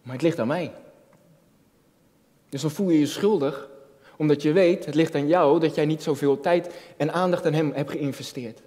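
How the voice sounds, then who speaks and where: Here a junior pastor, early thirties, preaches with a mellow voice that sits on the high side, moving at normal speed. He is earnest and reflective, leaning on repetition for emphasis and asking rhetorical questions. It's filmed from afar at a lectern on an indoor church stage, with long hall reverb.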